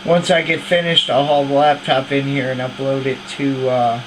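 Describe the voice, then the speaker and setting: A man chats casually and teasingly while recording CB radio chatter for a video as a hobbyist. His voice is mid-range, his delivery flat, and his pace normal. The CB radio room recording is very noisy.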